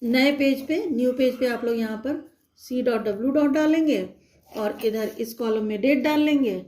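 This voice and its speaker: Patient woman teacher for young children; voice on the high side, careful step-by-step delivery. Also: darkish tone. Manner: patient, slow spelling-out of letters and vowel signs, frequent check-ins. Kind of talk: recorded online class for young children.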